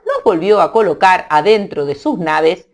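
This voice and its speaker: A woman narrating a children's storybook in an animated, playful way, adding sound effects. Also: on the low side, a little slow.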